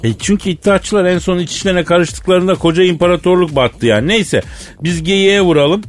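A man's voice: sits high, brisk, faint music behind. A man hosting a comedy radio sketch, joking in a wisecracking, mock-preachy way.

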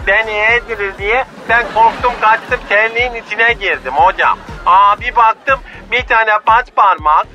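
A man's voice: high-pitched, a little slow, hardly any pauses, music in the background. A man playing a cheeky, lovestruck male bee who phones in to a radio comedy show, talking in a chummy, pleading way. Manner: chummy, pleading, calls the host "hocam". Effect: over a phone line. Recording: dull phone line.

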